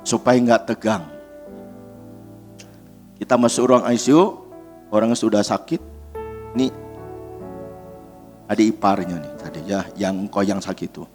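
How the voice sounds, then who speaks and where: Pastor telling a story. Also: male voice, lowish voice, measured pace, pauses often, soft background music. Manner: animated storyteller, acts out quoted voices. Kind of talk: sermon storytelling.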